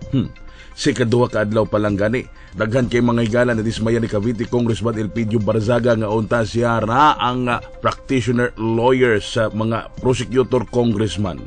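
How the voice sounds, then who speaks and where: A man's voice: lowish voice, fairly even intonation, normal speed, soft background music. A man with a Cebuano accent giving wry broadcast news commentary, often addressing listeners as friends.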